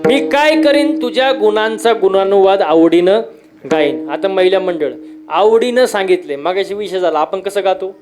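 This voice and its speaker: A man's voice: sits high, moderate pace, over music. A man giving a humorous devotional kirtan sermon, telling stories with repeated refrains and quizzing the crowd for answers. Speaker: kirtan preacher.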